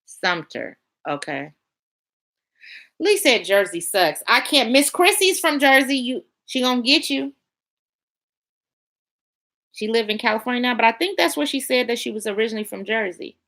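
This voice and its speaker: A woman's voice: on the high side, animated, normal speed, pauses often, fairly bright tone. A woman hosting a casual livestream, chatting with viewers by name and reading their comments aloud in a loose, colloquial way. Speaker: livestream host reading chat. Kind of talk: casual live-stream chat.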